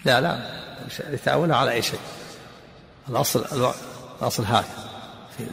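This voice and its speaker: Man, teacher, gravelly voice, quick lecturing pace, patient explanations, long hall reverb. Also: medium pitch, a bit bright, slight background noise. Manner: explains patiently and answers students with brief prompts. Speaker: teacher explaining a religious text. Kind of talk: classroom lecture commentary.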